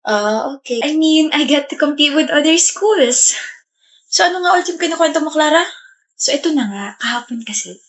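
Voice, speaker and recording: A chatty schoolfriend, quick with the banter, as a woman acts her out. Her voice runs high. The lines come as scripted skit dialogue. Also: expressive. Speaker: skit actor.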